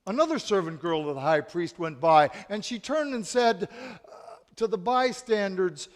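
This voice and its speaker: A male storyteller recounting a scripture story in a measured way, hushed at the close, in a large assembly hall. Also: sits high, lively intonation. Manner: measured, dropping to a hush at the close. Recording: echoey hall.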